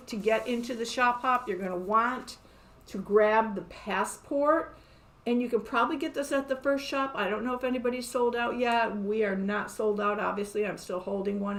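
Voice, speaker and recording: A woman hosting a casual live show-and-tell from her quilt shop, chatty and upbeat, laughing often. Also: on the high side.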